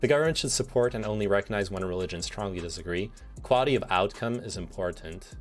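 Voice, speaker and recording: A fast-talking man with a lowish voice is heard over soft background music. He's livestreaming in a loose, sweary manner, reading out quiz statements and reacting, with lots of rambling and restarted sentences.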